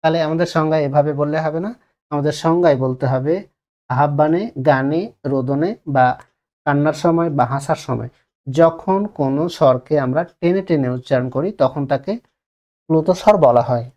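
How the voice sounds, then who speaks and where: Man, teacher, Bengali accent, grammar lesson, repetitive, drawn-out vowels in examples. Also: a little high, darkish tone. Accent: Bengali, West Bengal. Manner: repeats key phrases, asks and answers own questions; drags out vowels to demonstrate. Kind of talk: exam-prep grammar lesson.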